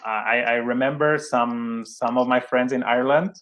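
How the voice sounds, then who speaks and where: Speaking at normal speed in a steady, fairly bright mid-range voice, a young man who learned English as a second language chats as an interview guest about his work managing sports events. He fills his talk with hesitations and restarts, chuckling at himself.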